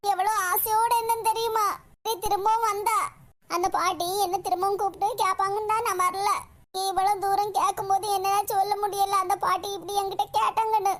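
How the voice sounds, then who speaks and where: A woman voicing a hurt young woman with a Kanyakumari Tamil accent, who talks haltingly and tearfully in an animated comedy cartoon. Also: extremely high pitch, slight background noise.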